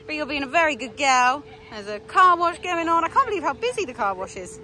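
A woman's voice: high voice, sing-song, brisk, a crowd in the background. A young woman vlogging from horseback outdoors, cooing praise and reassurance to her horse. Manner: coos and praises the horse in a soothing voice. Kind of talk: casual vlog chat, talking to her horse. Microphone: action camera.

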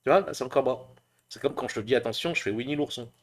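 A man's voice: mid-range voice, fast. A man casually talking about his voice acting, chatty and hesitant with many fillers. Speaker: voice actor showing his work. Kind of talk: casual demo talk.

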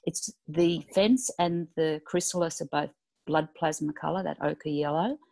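Low-voiced woman describing a dream. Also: creaky, mellow. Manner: detailed, deliberate descriptive telling. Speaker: class participant asking a question.

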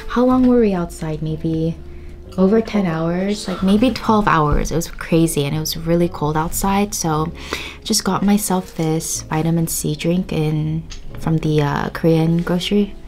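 A woman's voice: deep voice, measured pace, a little mellow, slight background noise. A woman in her twenties vlogging in a small hotel room, tired and with a sore throat, chatting casually and laughing often. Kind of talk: casual vlog chat.

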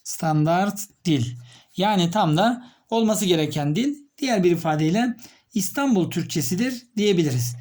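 A male teacher giving a literature lesson, asking his students questions and repeating key terms slowly as he writes. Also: high voice, a little mellow. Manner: explains step by step, repeats key terms while writing; addresses students directly with questions.

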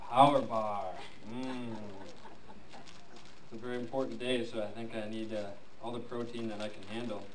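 Young dude doing a goofy best man bit, pitchmans every item, echoey banquet room w chatter. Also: flat delivery, moderate pace. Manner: mock-commercial comic patter, chuckling through lines. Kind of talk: comic skit at a wedding reception. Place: indoor banquet hall. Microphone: far camera. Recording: echoey hall, far from mic, noisy.

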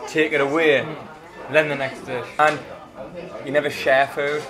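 A man's voice: on the high side, little pitch movement, a little slow. A man chatting casually over dinner as a visiting tourist, laughing often and describing the food as he eats it. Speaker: foreign tourist guest. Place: busy restaurant. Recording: loud crowd noise in a restaurant. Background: loud restaurant crowd chatter.

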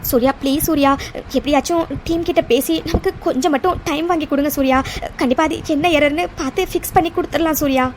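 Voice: sits high, fast talker, few pauses, slight background noise, natural voice. A performer voicing a young woman coder in a cartoon serial, comforting her friend and urging for more time. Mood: worried. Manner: comforting, urgent.

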